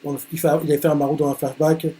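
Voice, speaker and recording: A man's voice: a little high, flat delivery, fast talker, warm tone. A man reacting live to a manga chapter, narrating the panels with many hesitant fillers.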